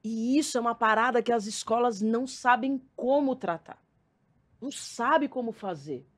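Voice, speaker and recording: A woman with a fairly high voice tells stories from her school lectures as a podcast guest. She talks casually and with lots of slang. She also acts out the quotes in her stories, and her delivery stays lively throughout. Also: normal speed. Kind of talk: casual storytelling conversation.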